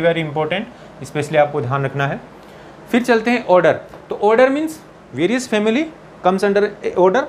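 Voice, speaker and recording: A man teaching biology for an entrance exam, mixing Hindi and English, slowing down to dictate textbook lines and often checking in with his students. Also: high voice, a little hiss or hum. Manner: slows down to dictate English textbook lines, keeps asking "ठीक है ना". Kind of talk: exam-prep lecture, Hindi mixed with English.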